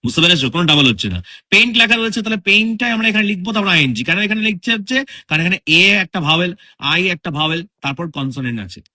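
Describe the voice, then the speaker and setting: Guy teaching english spelling rules, slightly high voice, keeps asking if u got it. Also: lively intonation, very fast, pushed and bright. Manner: explains step by step, repeats rules, checks understanding. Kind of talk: spoken English grammar lesson in Bengali.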